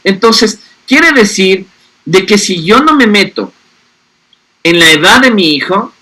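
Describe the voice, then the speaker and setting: A man's voice: sits high, expressive, slow pace, sharp tone. A man, explaining parenting to an audience and often checking in with rhetorical questions. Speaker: speaker on a parenting panel.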